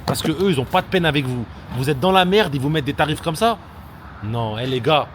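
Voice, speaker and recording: A man's voice: fairly high pitch, a little fast. A young man, vlogging casually from his car and a petrol station, slangy, joking and ranting. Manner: slangy, animated, swears and jokes, ranting. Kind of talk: casual vlog talk to camera. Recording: outdoor traffic noise behind.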